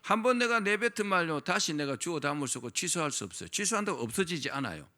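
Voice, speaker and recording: Animated, bright-voiced male pastor preaching. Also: fairly high pitch, fast talker. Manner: animated preaching, asks the congregation to repeat after him. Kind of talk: sermon.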